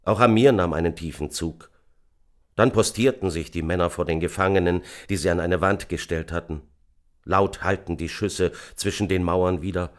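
A man reading an audiobook in a measured, dramatic narration. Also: deep voice. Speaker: audiobook reader. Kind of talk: scripted narration.

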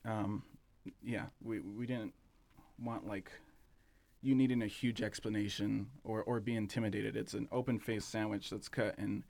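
A man talking as an interview guest about his café, relaxed and rambling, with plenty of fillers and restarts. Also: on the low side, moderate pace, gravelly. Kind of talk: casual interview chat.

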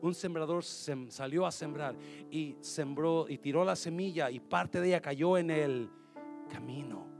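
A man preaching an impassioned sermon, mixing in English phrases and at times rising to a shout. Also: a little high, vocal fry. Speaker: pastor.

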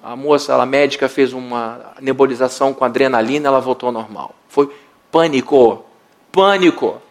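A man's voice: mid-range voice, normal speed. A middle-aged Brazilian man preaching a sermon as pastor, telling the story dramatically and acting out the voices in it. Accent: Brazilian Portuguese. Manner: dramatic storytelling, acts out quotes.

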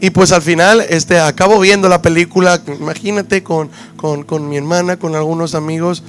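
High-voiced man preaching a sermon. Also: steady tone, moderate pace. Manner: emphatic, repeats key phrases. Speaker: pastor. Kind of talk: sermon with scripture reading and prayer.

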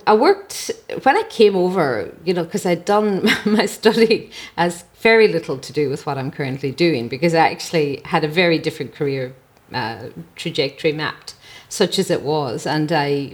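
Speaking indoors at home, this woman from Ireland, middle-aged or older, shares her personal story reflectively and conversationally as a podcast guest and mental health advocate. Her low voice is expressive, at normal speed with hardly any pauses.

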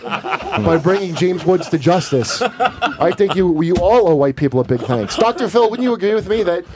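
A man's voice: high voice, sing-song, normal speed, a crowd in the background. A man hosting casual comedic banter in a brash, profane way. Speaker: talk show host.

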